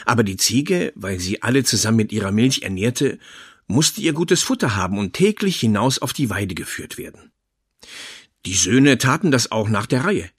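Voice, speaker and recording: Give me a husky man reading a fairy tale with a lively, expressive voice. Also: on the low side, dry recording, clean studio sound. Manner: slow, expressive storytelling. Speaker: narrator.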